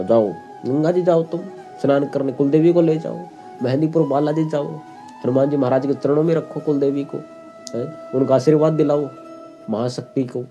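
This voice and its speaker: Man, devotional host, preachy, scolding, exhorting, mid pitch, background music. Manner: scolding, exhorting, calls listeners fools. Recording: music playing underneath.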